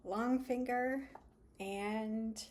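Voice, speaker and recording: A woman's voice: on the high side, steady tone, very slow, a little mellow. A woman co-hosting a casual podcast, mostly giving short agreeing replies. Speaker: podcast co-host.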